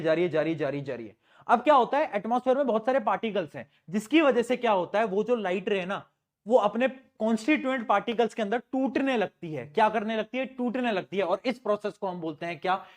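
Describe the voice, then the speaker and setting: A young male teacher giving a live science lesson, playful and teasing, repeating key questions and answers and mixing English terms into his talk. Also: sits high. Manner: playful, teasing, addresses students as beta; mixes English terms into Hindi.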